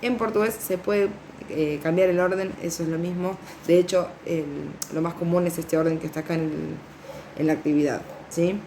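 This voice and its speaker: A woman's voice: on the low side, steady tone, normal speed, mellow, slight background noise. A woman teaching a recorded class, explaining step by step with fillers and frequent checks on her students. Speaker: Portuguese teacher.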